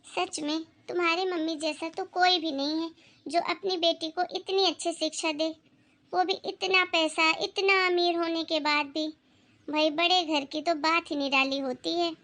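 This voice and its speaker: In a cartoon, a proud rich mother-in-law looks down on a poor daughter-in-law in a bright, high voice that drops lower and slower for her sneers, as a woman puts her on. She is haughty and contemptuous. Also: steady tone, full character voice. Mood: gossipy. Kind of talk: cartoon voice acting.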